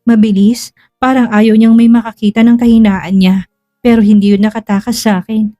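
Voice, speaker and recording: Slow, hushed woman storyteller. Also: a little high, little pitch movement, no room sound, clean studio sound. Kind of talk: first-person dramatic story narration.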